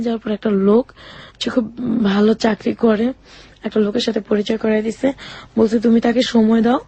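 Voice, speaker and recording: As an interview guest, a woman earnestly tells her life story, pausing often and quoting others along the way. Her voice leans high and mellow with a breathy edge, though the recording sounds muffled.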